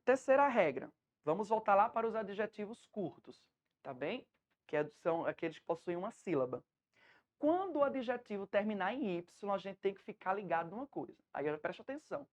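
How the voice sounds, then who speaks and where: A woman's voice: mid-range voice, very animated, brisk. Patient Brazilian woman teaching English. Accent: Brazilian Portuguese. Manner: patient, explains step by step with frequent checks. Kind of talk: remote classroom lesson.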